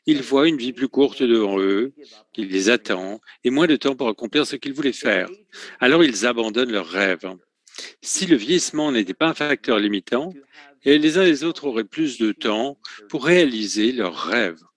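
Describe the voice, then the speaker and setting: Here a man interprets a conference talk into French, his mid-range voice calm and steady. Now and then he pauses on a filler or swiftly corrects himself mid-phrase to land on the proper term.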